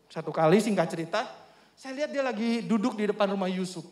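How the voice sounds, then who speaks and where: High-voiced preacher with a lilt. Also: male voice, fast. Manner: animated, humorous, addresses congregation often. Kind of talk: storytelling sermon. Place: church hall. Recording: echoey church hall.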